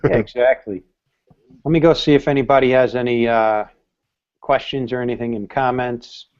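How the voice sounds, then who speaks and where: A man's voice: mid-range voice, steady tone, moderate pace, darkish tone, clean tone, lo-fi sound. A man hosting a casual live stream, giving short easygoing replies and laughing often. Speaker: live-stream show host.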